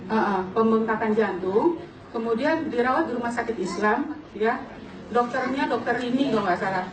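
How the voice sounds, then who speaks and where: A woman in her late forties tells her own story to a seated audience, her voice pitched high and full of life, often breaking into laughter. She sounds distant from the microphone, and her words echo around a big hall with a crowd close by. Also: moderate pace. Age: late 40s. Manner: animated, laughing often, addresses the audience directly. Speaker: customer giving a testimonial. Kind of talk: lively personal testimony to an audience.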